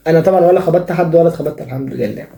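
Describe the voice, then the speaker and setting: A man's voice: a little high, very fast, creaky, mellow. A young man with an Egyptian Arabic accent hosting a comic advice show, joking and teasing his listeners. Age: young adult. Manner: joking, teasing, playfully sarcastic. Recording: echoey room.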